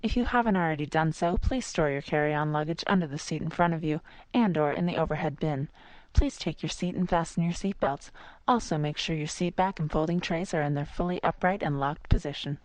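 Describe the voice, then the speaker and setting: A woman with a low voice makes a plane cabin announcement as a flight attendant. She reads the seatbelt and luggage instructions in a formal, measured way. The sound is close and dry. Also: darkish tone, no room sound, poor audio.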